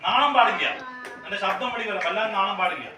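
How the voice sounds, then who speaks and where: A woman's voice: mid-range voice, lively intonation, a little fast, very noisy. A woman preschool teacher leading a classroom activity with small children, coaxing them with repeated questions and English phrases. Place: classroom, indoors. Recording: echoey room from far off.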